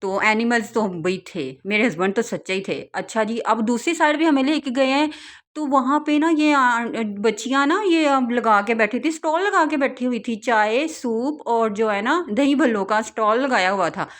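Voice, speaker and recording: A young woman narrating her family outing in a relaxed vlog, chatting and laughing often as she tells it. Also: fairly high pitch, moderate pace. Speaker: vlogger, mother.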